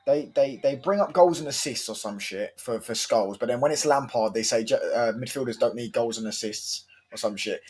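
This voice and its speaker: A man in a heated casual debate, arguing forcefully and repeating himself to take the floor. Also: medium pitch, a little fast, few pauses, breathy edge. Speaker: stream panelist.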